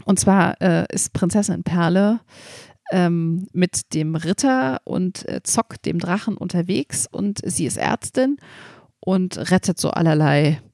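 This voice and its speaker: A woman's voice: lowish voice, expressive, slow, creaky, a little mellow, no room sound, studio quality. A woman hosting a podcast, talking casually in a chatty way with many fillers and restarts. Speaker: podcast host recommending children's books.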